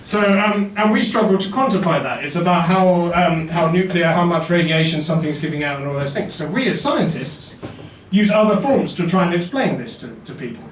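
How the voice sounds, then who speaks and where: Guy doing a stand-up set, slightly high voice, faint room noise, mic sounds far off. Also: animated, a little fast, hardly any pauses. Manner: wry, self-deprecating storytelling. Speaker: stand-up science comedian. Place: basement comedy venue. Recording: roomy echo, mic heard from afar.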